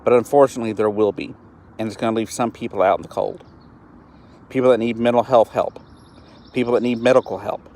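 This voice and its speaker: Fast yet pausing often, this live-stream host's medium-pitched voice holds a steady, darkish tone. He's a man in his 30s from East Texas, US, running a solo show, and he sounds earnest and frustrated as he keeps breaking off to start his words again.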